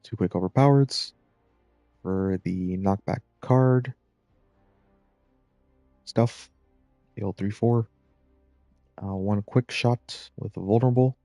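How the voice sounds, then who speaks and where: A man giving relaxed, rambling commentary while playing a video game, with plenty of filler words. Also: on the low side, slow, pauses often, no room sound, clean studio sound, soft background music. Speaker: gameplay commentator. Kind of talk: casual gameplay commentary.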